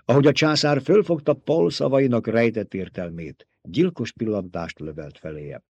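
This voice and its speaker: A man narrating an audiobook in a steady, even storytelling manner. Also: mid-range voice, slightly rough, no room sound, lo-fi sound. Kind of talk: scripted narration.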